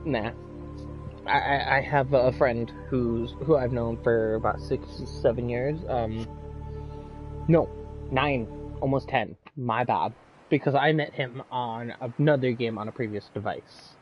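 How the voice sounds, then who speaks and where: A male game streamer chats loosely with party friends on a live stream, stammering, repeating words, tripping over phrases and using lots of fillers. His medium-pitched voice is steady and unhurried, the recording muffled, with faint music underneath.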